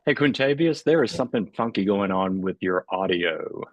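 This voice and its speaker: A man's voice: on the low side, expressive, moderate pace, muffled recording, heavy background noise. A man hosting an artist talk over a video call, chatting casually with many filler words and frequent laughter. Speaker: host and moderator of an artist talk. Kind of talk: casual presenting.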